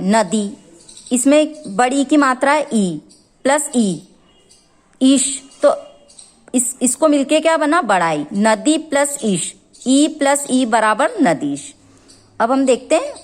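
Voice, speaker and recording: A woman teacher walks through a grammar lesson at an unhurried pace. Her voice sits fairly high, and she breaks each rule into small steps, posing questions and answering them herself. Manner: explains step by step, asks and answers her own questions. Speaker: school teacher.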